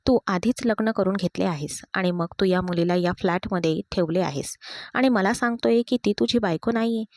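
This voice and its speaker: A woman's voice: mid-range voice, normal speed, darkish tone, dry recording, studio quality, natural voice. A woman voicing a talkative, melodramatic young male friend in a storybook reading, exclaiming and indignant.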